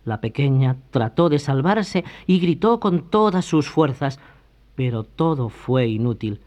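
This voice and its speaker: Unhurried, animated fairy-tale narrator over soft music, slightly muffled. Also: mid-range voice. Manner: unhurried and lively. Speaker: storyteller.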